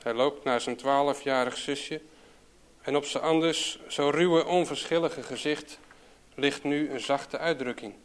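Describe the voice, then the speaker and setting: Guy reading a storybook aloud, calm and even, slightly high voice. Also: unhurried. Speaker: narrator.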